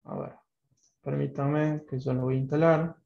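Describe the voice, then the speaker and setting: A man's voice: a little high, fairly even intonation, moderate pace, creaky. A man with a Salta Argentine accent teaching an online programming class, explaining patiently and often checking in with a questioning "¿sí?". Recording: dull roomy online class audio.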